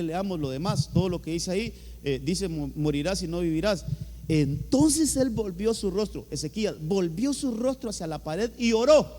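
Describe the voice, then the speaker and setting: High-voiced preaching man, Honduran accent, echoing hall. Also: warm tone. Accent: Honduran Spanish. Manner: emphatic, repeats words, often says "hermano". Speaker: pastor. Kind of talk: sermon. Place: church hall. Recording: church hall with long reverb.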